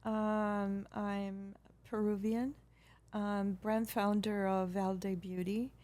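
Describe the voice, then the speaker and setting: A middle-aged woman from Peru, a guest telling her story in a measured, hesitant way with many pauses and restarts. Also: medium pitch, little pitch movement, darkish tone. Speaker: guest, brand founder. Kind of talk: casual interview talk.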